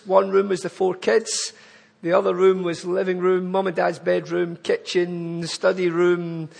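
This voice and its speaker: A man's voice: high voice, vocal fry, breathy edge, long reverb tail. A man with a Glaswegian Scottish accent, giving an earnest church appeal talk that addresses the congregation directly. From Glasgow, Scotland. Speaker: charity speaker at a church. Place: church hall.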